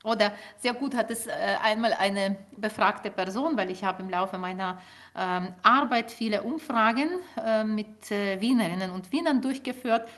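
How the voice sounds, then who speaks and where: In this interview, a middle-aged native speaker of Ukrainian answers as a linguist, steady and explanatory, with fillers sprinkled throughout. Her voice falls in the middle range with a slight brightness.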